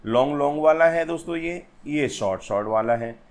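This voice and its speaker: Man, teacher, slow patient lecture, repeats key points, slightly higher voice. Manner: slow and repetitive, addresses viewers as friends, reads English definitions aloud. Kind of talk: exam-prep lecture on poetic meter.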